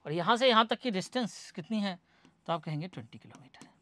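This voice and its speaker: A man's voice: high voice, expressive, brisk, sharp tone. A male teacher giving a classroom lecture, asking questions and answering them himself, mixing English terms into his explanation. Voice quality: repeats each point as question and answer. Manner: addresses students as "bhai sahab".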